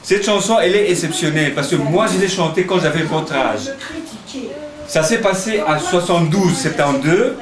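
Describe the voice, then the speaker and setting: A man's voice: on the high side, normal speed. A man, a singing-school teacher talking with children in class, asking questions, encouraging them and laughing often. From Congo. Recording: echoey room with children's crowd noise.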